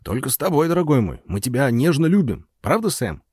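A man voicing a smooth-talking, pushy film producer who coaxes and commands in an audiobook. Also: medium pitch, sing-song, fairly quick, a little mellow, dry recording, studio quality. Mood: coaxing. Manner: coaxing and commanding. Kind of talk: audiobook character voice.

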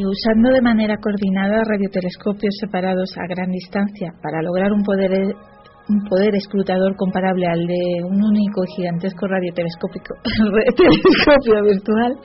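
A woman reading science news items aloud on a radio show, with careful delivery and small slips. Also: medium pitch. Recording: dull radio broadcast with faint music.

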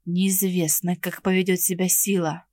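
A woman's voice: lowish voice, level tone, normal speed, a little mellow, no room sound, natural voice. A woman voicing a stern, irritable male inquisitor in an audiobook, with a curt, ironic and commanding delivery. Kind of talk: audiobook character reading.

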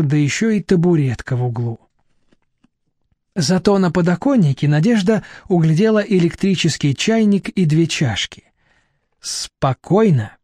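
A man's voice: on the high side, darkish tone, no room sound, clean studio sound. A man narrating an audiobook with an ironic, storytelling delivery. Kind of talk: scripted narration.

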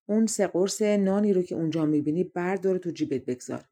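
Woman voicing a calm, wise old talking horse. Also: fairly low pitch. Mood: reassuring. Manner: calm, reassuring advice.

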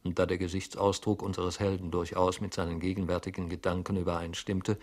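A man narrating a classic novel as an audiobook, measured and even. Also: sits low.

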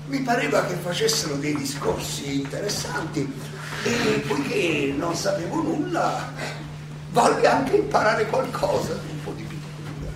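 Socrates, high, swooping voice, echoey hall. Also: male voice, very animated. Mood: wry, emphatic. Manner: halting, rhetorical, with dramatic pauses and repetitions. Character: Socrates, wry, probing philosopher defending himself at trial. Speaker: stage actor. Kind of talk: theatrical monologue addressed to an audience. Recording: echoey hall, distant mic, clear noise.

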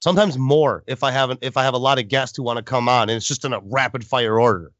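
A man's voice: mid-range voice, fast talker, a bit bright, dry recording, muffled recording. A man hosting a casual podcast chat, rambling, swearing and laughing often. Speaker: podcast host.

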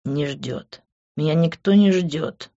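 A woman reading an audiobook, dropping low to play a brooding, jealous young lover. He speaks quietly and intensely, sometimes almost in a whisper. The recording sounds dull and lo-fi. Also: takes it slowly. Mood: sullen. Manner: low, hushed and intense, often near a whisper.

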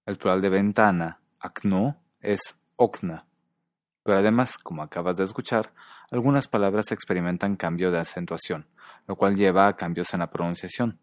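Low-voiced man, calm educational narration. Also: dry recording, clean studio sound. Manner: calm, measured, pronounces foreign example words carefully. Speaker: narrator of a language video.

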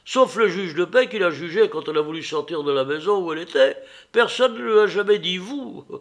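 A man reading an audiobook, voicing a bitter, frightened, drunken elder brother with loud, agitated outbursts. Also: sits high, expressive, brisk, pitched above the performer's own voice.

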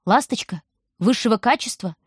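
A woman's voice: on the high side, animated, moderate pace, slightly rough, dry recording, clean studio sound. A woman reading a fussy kind old grocer. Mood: worried. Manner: worried, fussing. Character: fussy kindly old male grocer, worried. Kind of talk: audiobook reading.

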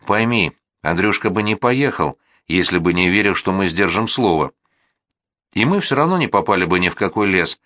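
A man voicing a sensible, sullen boy who argues calmly and firmly. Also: deep voice, normal speed, no room sound, studio quality. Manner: gloomy, reasoning.

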